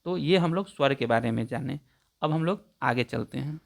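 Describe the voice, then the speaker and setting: A man's voice: medium pitch, normal speed, vocal fry. A man teaching grammar for exam preparation, explaining each point step by step and repeating definitions to check understanding. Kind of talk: exam-prep grammar lesson.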